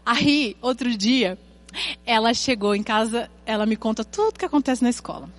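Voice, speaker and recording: Uma mulher de uns trinta anos pregando num encontro de mulheres. Ela conta casos de família com humor e lê as escrituras. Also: female voice, moderate pace. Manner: animated, humorous storytelling with sudden swings in pitch. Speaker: preacher at a women's gathering. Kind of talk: sermon with personal anecdotes and scripture reading.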